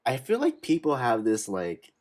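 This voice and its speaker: A man's voice: medium pitch, huge pitch swings, moderate pace, a little mellow. A young man in his twenties co-hosting a podcast, chatting casually in a laid-back, slangy way and laughing often. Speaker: podcast co-host. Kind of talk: casual chat.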